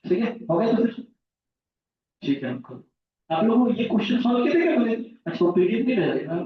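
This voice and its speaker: A man's voice: sits high, very animated, fairly quick, a little hiss or hum. A male physics teacher chatting informally with his class, mixing lesson points with stories. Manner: chatty, jumps between lesson and anecdotes. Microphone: far from the mic. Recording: echoey room, distant mic, dull sound.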